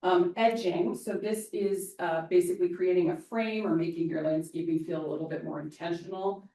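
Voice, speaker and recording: A woman landscape designer giving an energetic, joking talk at a neighborhood meeting, then answering audience questions. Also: lowish voice, moderate pace. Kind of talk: public presentation with audience Q&A. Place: meeting hall. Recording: echoey hall.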